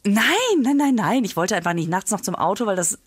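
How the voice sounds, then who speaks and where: A woman's voice: mid-range voice, animated, brisk, breathy edge, dry recording. A woman comedian telling a funny story in casual chat, acting out the voices and laughing often. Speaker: comedian and podcast guest.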